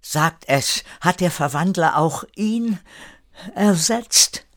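An older man voicing an anxious young man in a spoken family story, his voice pushed up high and urgent with pleading questions. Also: expressive, slow, a bit bright, no echo, studio quality, exaggerated voice. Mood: insistent.

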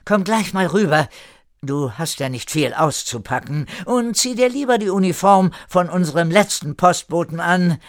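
A man's voice: high-pitched, expressive, moderate pace, no room sound, clean studio sound, voice pushed up. A man voicing a bossy, suspicious but kindly village woman who scolds and probes with questions in an audiobook. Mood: brisk.

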